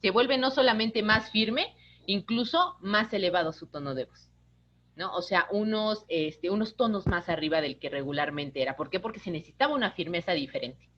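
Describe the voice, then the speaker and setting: Lively woman teaching online. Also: mid-range voice, normal speed, lo-fi sound. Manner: lively teacher, talks with her hands. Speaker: course instructor. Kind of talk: online lecture.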